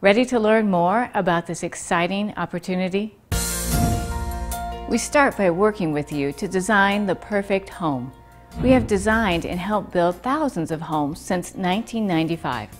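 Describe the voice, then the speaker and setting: A woman's voice: medium pitch, normal speed, faint music behind. A woman reading scripted promotional narration as the narrator of an infomercial.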